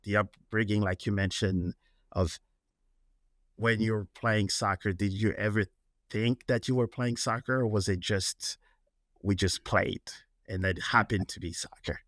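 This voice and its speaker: Lowish-voiced man hosting a podcast. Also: steady tone, measured pace, a bit bright, no echo, clean studio sound. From France. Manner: rambling questions with many fillers. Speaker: podcast host. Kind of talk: interview hosting.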